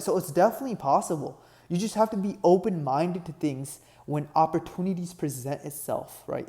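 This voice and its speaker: A young man from Nepal, an online fitness business coach, giving a motivational talk and tagging nearly every sentence with "right?". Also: fairly high pitch. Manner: earnest, repeats "right?" constantly, builds to emphatic peaks.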